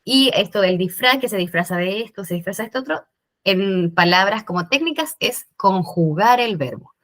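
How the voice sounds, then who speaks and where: A woman's voice: mid-range voice, lively intonation, normal speed, fairly bright tone. A woman teaching English grammar in a recorded lesson, explaining step by step with patient checks.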